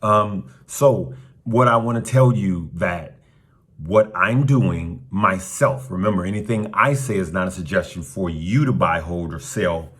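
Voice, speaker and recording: A man hosting a casual stock market update for his viewers, talking in a relaxed, conversational way with frequent ums and uhs, his voice still rough from the morning. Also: on the low side. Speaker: stock market channel host.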